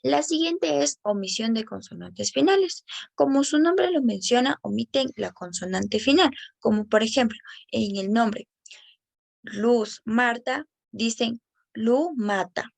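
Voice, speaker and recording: Woman explaining speech development, gravelly tone. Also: fairly high pitch, animated, dry recording. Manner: careful, explanatory, slows down on example words. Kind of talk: reading an educational presentation.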